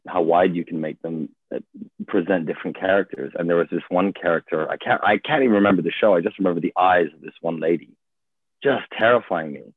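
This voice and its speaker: A man's voice: sits low, no room sound. A man in his twenties, born in Hong Kong, talking casually as a guest actor, hesitant and thoughtful with many fillers and restarts. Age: 20s. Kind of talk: casual conversation. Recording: tinny phone-like call audio.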